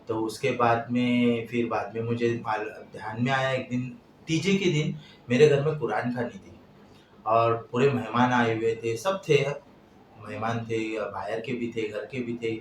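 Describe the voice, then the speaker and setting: A middle-aged man tells a personal story in a halting, heartfelt way, his voice swelling and dropping. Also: fairly low pitch. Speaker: vlogger. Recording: echoey, distant, noisy room.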